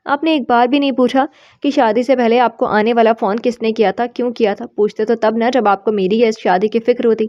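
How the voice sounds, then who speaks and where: A woman's voice: a little high, steady tone, no echo, lo-fi sound, lightly acted. A woman voicing a tearful young wife, accusing and wounded. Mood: hurt.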